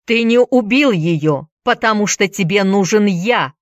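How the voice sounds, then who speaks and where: A woman voicing a desperate young man who shouts urgent, defiant demands. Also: medium pitch, lively intonation, measured pace, no room sound, studio quality, voice pushed up, lightly acted. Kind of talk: audiobook character reading.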